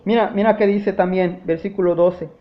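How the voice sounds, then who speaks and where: Mexican pastor, man, high-pitched, fervent sermon delivery, roomy church sound on a dull lo-fi recording. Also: fairly even intonation, moderate pace. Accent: Mexican Spanish. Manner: impassioned preaching, often calls out "brothers". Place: church sanctuary.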